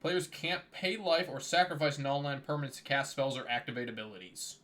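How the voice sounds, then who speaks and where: Reading card text aloud as he streams, this man keeps up a casual, plain running commentary while losing his voice. His pitch is medium and his tone fairly bright, and he talks a little quickly.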